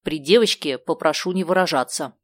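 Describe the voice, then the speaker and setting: A woman voicing a brisk, decisive adult woman who speaks firmly. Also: low voice, no echo. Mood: bossy. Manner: firm, commanding.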